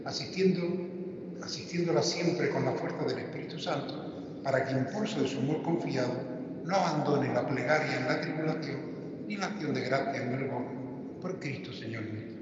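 A man, a priest reciting the prayers of the Mass in a steady, solemn way, heard with a cathedral echo. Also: medium pitch, normal speed, slight background noise. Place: large church. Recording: echoey church from far off, dull.

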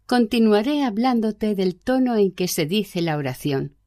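A woman reading aloud the words of a learned old monk teaching about prayer, in a measured, unhurried way. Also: mid-range voice, expressive, mellow, lightly acted. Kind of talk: read-aloud spiritual book.

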